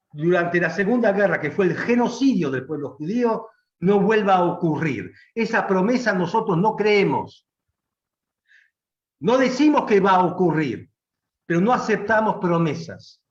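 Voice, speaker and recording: A man speaking Argentine Spanish, giving a measured, reflective answer at a public talk, pausing and restating his phrases. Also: high voice. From Romania, raised in Argentina. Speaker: guest philosopher. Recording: echoey, dull lo-fi room sound.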